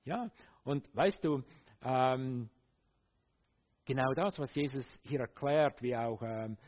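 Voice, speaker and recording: A man preaching a sermon in a conversational, animated way, with many fillers, speaking directly to his listeners. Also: mid-range voice, slow pace, lo-fi sound.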